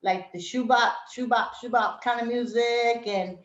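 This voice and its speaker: Speaking a little slowly at an ordinary pitch, a middle-aged woman from Puerto Rico, raised in Brooklyn, New York, wanders through memories as an interview guest, reflective, laughing often and full of fillers. The recording is roomy and somewhat dull.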